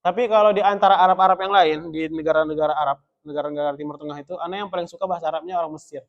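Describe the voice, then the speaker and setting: A man teaching an Arabic lesson in a mosque in a relaxed, joking classroom manner, chuckling often. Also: fairly high pitch, very fast, muffled recording. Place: mosque study room.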